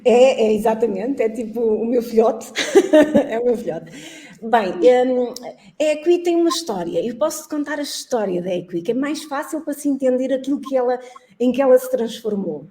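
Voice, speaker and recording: Middle-aged woman from Angola, interview guest, earnest and reflective, mellow warm tone, slightly high. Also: lively intonation, moderate pace. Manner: earnest, reflective, laughs often. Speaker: guest, social entrepreneur and teacher. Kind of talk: interview conversation.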